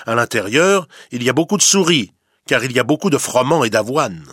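A man's voice: very animated, brisk, a bit bright, breathy edge, no room sound, clean studio sound. A man voicing a sly, scheming male fox in a storybook reading, with a honeyed, mocking manner. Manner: honeyed, mocking, sometimes hissing low.

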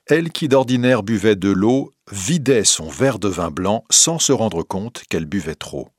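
A man narrating a classic novel aloud in a steady, measured reading. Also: lowish voice, no echo, clean studio sound.

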